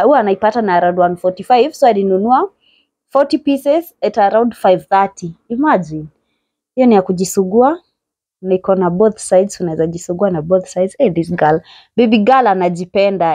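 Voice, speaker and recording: With a mid-range, darkish voice and no room sound, a young woman with a Kenyan accent tours a small bedsitter using a handheld phone. She chats admiringly, moving between English and Swahili slang.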